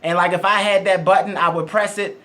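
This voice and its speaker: A man's voice: high-pitched, steady tone, brisk, pushed and bright. A man with a heavy Baltimore accent, joking and boasting with frequent laughs in a casual casting interview. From Baltimore, Maryland, USA. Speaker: game show contestant hopeful. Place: casting room in Las Vegas.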